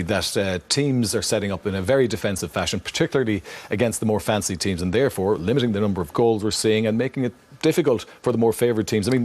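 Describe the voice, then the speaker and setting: A man hosts a football analysis panel in a fairly low voice. He talks fast, framing long questions for his guests and filling gaps with quick acknowledgements. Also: a little mellow. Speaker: studio presenter.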